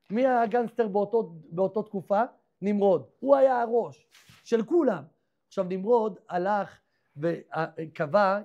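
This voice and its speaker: A man, a rabbi, tells a story in a sermon, constantly asking rhetorical questions and acting out the characters' lines. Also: sits high. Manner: acts out the characters' dialogue in lively voices. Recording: dull lo-fi recording.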